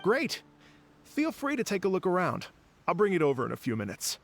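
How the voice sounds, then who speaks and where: A courteous young event organizer who talks in a slightly raised tone and stays polite and a bit fussy, stumbling over small fillers. Faint game music plays behind him. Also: male voice, high voice, wildly swooping pitch, a little fast, heavily acted. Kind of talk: video game voice acting.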